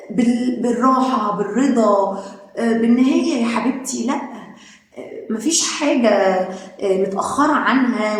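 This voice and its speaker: A woman with an Egyptian Arabic accent giving gentle, reassuring self-help advice to women, with many fillers and restarts. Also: on the high side. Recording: very echoey room with faint noise.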